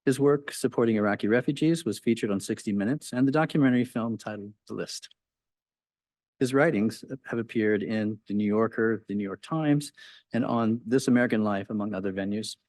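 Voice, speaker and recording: A man's voice: lowish voice, a little fast, a little mellow, no echo. Man reading a formal introduction. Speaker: event host introducing the speaker. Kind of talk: scripted introduction. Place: lecture hall.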